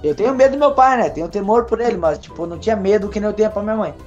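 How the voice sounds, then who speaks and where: A man's voice: high voice, very fast. A man from Paraná, telling a childhood story in a casual podcast chat, acting out the voices in it. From Paraná, Brazil. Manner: animated storyteller, acts out voices in anecdotes. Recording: dull recording with faint music.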